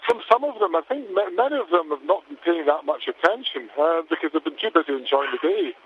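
A male correspondent giving a news report by mobile phone, speaking haltingly with frequent fillers and restarts, heard over a tinny phone line. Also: a little high, expressive, husky.

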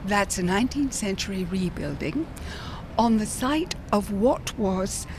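A woman's voice: medium pitch, expressive, a little slow, noisy background. A woman speaking as a tour guide, explaining history in a knowledgeable, wry, casual way outdoors. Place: outdoors on a city street.

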